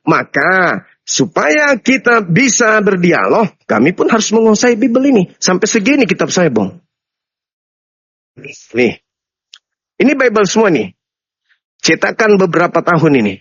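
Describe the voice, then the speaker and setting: A man with a high-pitched voice delivers a combative, taunting debate speech, lecturing his opponents as an Islamic apologist. The recording sounds muffled and lo-fi, with a dry close sound and no room echo. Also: a bit bright, breathy edge. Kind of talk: heated live debate speech.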